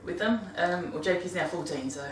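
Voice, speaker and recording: Speaking briskly in a lowish voice, this British vlogger offers dog-care tips in a relaxed monthly video, chatty and wandering, frequently fixing her sentences partway through. A little hiss or hum sits under the roomy audio from a far-off microphone.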